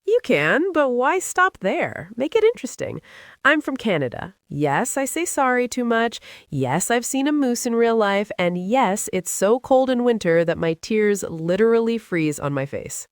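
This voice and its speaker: A woman's voice: on the high side, big pitch swings, measured pace, dry recording, clean studio sound. An American woman teaching English in a scripted conversation, playful and teasing with an upbeat manner. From United States.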